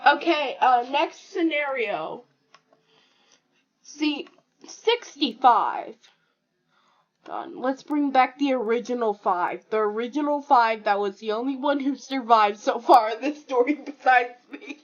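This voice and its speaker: A woman's voice: a little high, animated, takes it slowly, muffled recording. A woman casually narrating as she draws, rambling and giggling as she makes up a silly story aloud. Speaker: drawing video creator. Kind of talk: casual narration while drawing.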